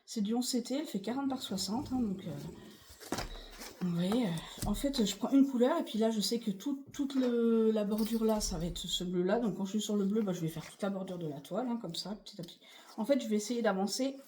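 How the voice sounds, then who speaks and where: A woman's voice: mid-range voice, brisk, warm tone, a little hiss or hum. A woman vlogging casually about her cross-stitch projects, rambling and chatty with many fillers. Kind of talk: casual chatty craft vlog.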